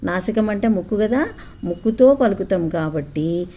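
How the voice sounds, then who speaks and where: A woman teaching children the alphabet, saying each letter slowly and asking them to repeat it back. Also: mid-range voice, animated, mellow. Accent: Telugu. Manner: slow, syllable-by-syllable call-and-response.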